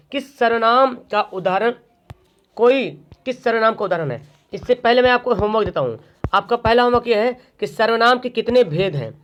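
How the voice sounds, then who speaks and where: A man with a high, slightly bright voice teaches an online exam-prep grammar lesson. He drills the material by posing questions and then answering them himself. The recording is dull and lo-fi.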